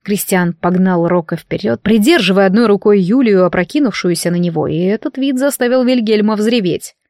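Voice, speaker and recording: A woman reading a fantasy novel aloud in steady storytelling narration. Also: mid-range voice, fairly quick, no room sound, studio quality. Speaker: audiobook narrator.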